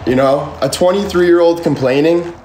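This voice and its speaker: A man in his twenties livestreams from his bedroom, phone camera at arm's length and a ceiling fan overhead, rambling, defensive and emphatic, with plenty of swearing. His voice is fairly high and darkish at a moderate pace. The recording echoes around the room and carries slight background noise.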